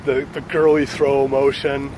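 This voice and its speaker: A man's voice: mid-range voice, flat delivery, unhurried, a little mellow, a little hiss or hum. Casual man spinning a joking story. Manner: loose, profane, joking storyteller. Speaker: channel host.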